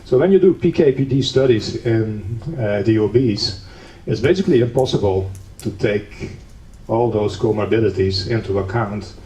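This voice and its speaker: This is a man from the Netherlands lecturing at an academic conference, explaining steadily and adding a bit of dry humor. He has a mellow, fairly low-pitched voice and talks at a normal speed. Captured in a conference hall with echo, a faraway mic, and faint noise.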